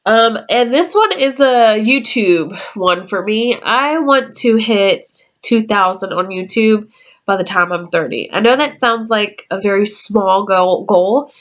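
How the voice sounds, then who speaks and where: A woman's voice: mid-range voice, a little slow, a bit bright. Chatty woman in her twenties vlogging. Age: 20s. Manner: chatty, meandering, with frequent ums. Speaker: YouTuber. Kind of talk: casual vlog talk. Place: her room at home.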